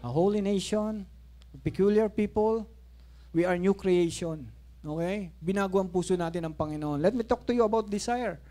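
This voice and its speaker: A pastor in his fifties telling stories in a sermon, animated, with laughing asides and swings from soft speech to shouting. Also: sits high, normal speed. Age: 50s. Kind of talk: Taglish sermon storytelling.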